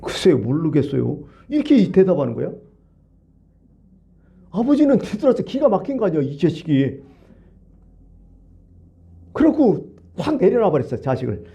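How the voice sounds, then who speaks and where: A male pastor delivers a conversational, storytelling sermon, dropping to hushed asides and then rising in animated bursts. His voice is dark and gravelly. The church recording sounds dull and lo-fi. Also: high-pitched, normal speed, pauses often. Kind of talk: Wednesday service sermon.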